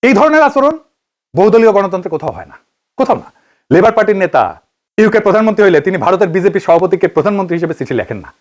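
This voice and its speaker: A man with a Bangladeshi Bengali accent delivers an investigative political monologue, asking pointed rhetorical questions and answering them himself. His voice sits high for a man, and he talks at a rapid clip. His pitch rises and falls in wide, lively swings. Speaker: political commentator.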